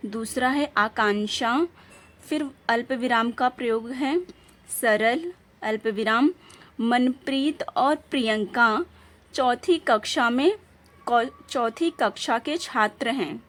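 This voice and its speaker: A woman teacher giving a patient lesson, reading example sentences aloud with clear emphasis. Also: fairly high pitch, takes it slowly, fairly bright tone. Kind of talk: classroom lesson explaining punctuation.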